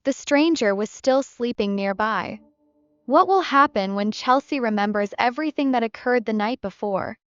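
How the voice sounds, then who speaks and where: Storybook narrator: woman, fairly high voice, dull muffled sound, soft music underneath. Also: moderate pace, clear, resonant tone, no echo.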